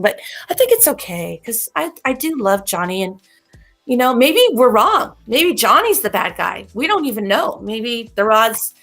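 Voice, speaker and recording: A woman's voice: medium pitch, sharp tone. A woman hosting a casual livestream as a spiritual reader, chatty and rambling, laughing often.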